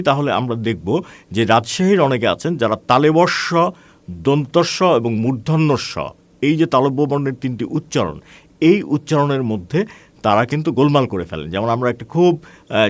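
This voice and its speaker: A man teaching an online class, explaining in a measured way with frequent hesitations, asking rhetorical questions and calling his students friends. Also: mid-range voice, dry recording. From Bangladesh.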